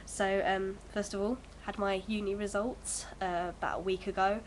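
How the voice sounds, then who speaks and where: Speaking at normal speed with a flat, medium-pitched delivery, an early-twenties vlogger talks casually to camera from home over slight background noise. She sounds congested from a cold and rambles hesitantly, leaning heavily on fillers.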